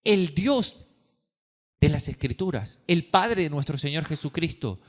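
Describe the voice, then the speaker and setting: A man preaching a sermon in church, impassioned, swinging between loud and hushed, with many rhetorical questions. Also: fairly high pitch, expressive, measured pace. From Venezuela. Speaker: pastor.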